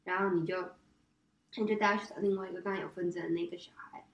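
A woman guest in a casual chat, speaking calmly and matter-of-factly. She sits well back from the microphone, so her voice carries a roomy echo and a slightly dull, muffled tone. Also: fairly low pitch, fast talker, recorded from a distance. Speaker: guest, the host's daughter.

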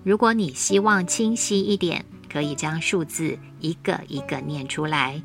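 A woman giving a podcast English lesson, saying example words slowly and carefully. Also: deep voice, vocal fry, a bit bright. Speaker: English teacher. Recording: faint guitar music behind.

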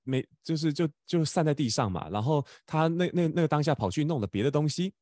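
Fast-talking host, stammering. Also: male voice, a little high, lively intonation, darkish tone, no echo. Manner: fast, stammering restarts, laughs often. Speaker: podcast host. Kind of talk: casual storytelling chat.

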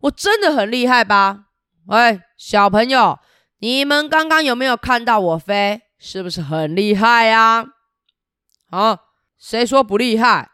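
Woman doing a loud bragging dragon. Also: on the high side, expressive, clear, resonant tone, dry recording, clean studio sound. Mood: boastful. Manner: bragging, loud, drawn-out whooshing. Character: boastful show-off male fire-breathing dragon.

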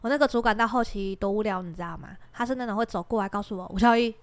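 Woman, Taiwanese Mandarin accent, young adult, quick talker, dry close sound, animated storytelling. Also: mid-range voice, clean tone, dry recording. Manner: animated storyteller, acts out quoted bosses, laughs often. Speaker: podcast co-host. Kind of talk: casual chat, storytelling.

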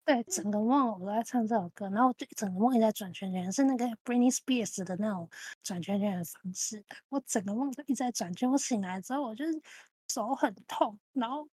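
Podcast co-host, woman in her 30s, husky voice, dry close mic, animated storyteller. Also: fairly high pitch, a little fast, no room sound. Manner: animated storytelling, repeats phrases. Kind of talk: casual chat.

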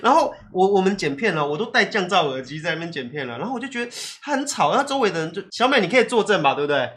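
A man with a Taiwanese Mandarin accent hosting a casual chat, telling stories in an excitable way and laughing often. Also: high-pitched, very fast. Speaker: podcast host.

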